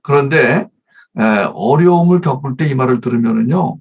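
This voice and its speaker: A man's voice: mid-range voice, normal speed, vocal fry, muffled recording, slight background noise. A man preaching a conversational sermon, leading Bible readings and acting out little scenes of mothers and children. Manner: acts out mother and child voices, leads congregation reading. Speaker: pastor.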